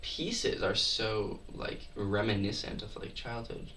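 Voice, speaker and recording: A man chatting casually as a podcast co-host, halting and repeating words as he goes. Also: on the low side, bright, forceful tone. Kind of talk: casual group chat. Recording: echoey room, distant mic, faint noise.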